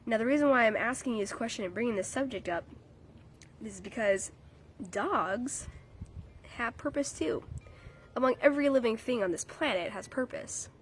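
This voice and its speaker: A woman's voice: a little high, normal speed, long pauses, slight background noise. Nasal woman talking to viewers. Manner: earnest, keeps checking in with "okay?" and "right?". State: congested from a cold. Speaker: dog trainer. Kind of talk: casual talk to camera.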